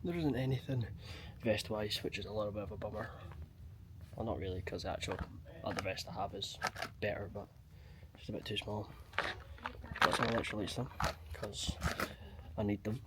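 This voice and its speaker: A young Scottish man with a fairly low voice talks casually into a handheld camera. His delivery is chatty and colloquial, in the style of a personal vlog. Clear background noise runs through the recording. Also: moderate pace, long pauses. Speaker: vlogger, amateur marathon runner. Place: on the move around a city, partly outdoors. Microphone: handheld action camera.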